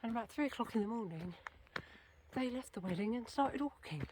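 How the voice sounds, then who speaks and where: A British woman vlogs while walking outside, chatting casually to a handheld camera, rambling, correcting herself, and sounding a little out of breath. Her voice sits on the high side with lively intonation and a slightly fast pace, and there's background noise.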